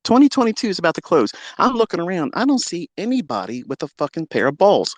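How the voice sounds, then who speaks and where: This fast-talking man rants combatively as a trading mentor over live audio, boasting and swearing as he taunts his challengers. His pitch swings hugely, lurching from loud jabs to low asides, with no echo in the audio.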